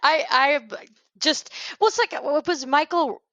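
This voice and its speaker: A woman guesting on a podcast, telling stories in a profane, animated way. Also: sits high, a little slow, dry recording, muffled recording. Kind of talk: casual podcast chat.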